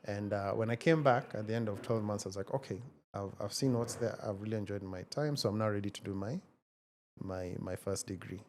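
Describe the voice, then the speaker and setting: A man in his forties, speaking as an interview guest in a measured, reflective way with frequent hesitations. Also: on the low side, a little mellow, a little hiss or hum. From Kenya. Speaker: guest, tech founder. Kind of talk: casual interview conversation.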